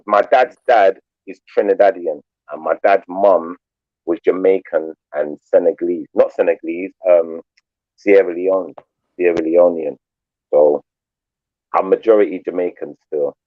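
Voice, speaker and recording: In a muffled recording with no echo, a low-voiced English man chats casually as a panel guest. He rambles in a relaxed way, leaning heavily on "like" and "you know."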